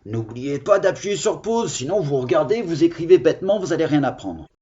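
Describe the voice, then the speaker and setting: A male primary school teacher, giving a reading lesson on video and sounding out syllables slowly and carefully. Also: a little high, sing-song, dark tone. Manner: slow, deliberate, over-articulated syllables. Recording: dull lo-fi sound.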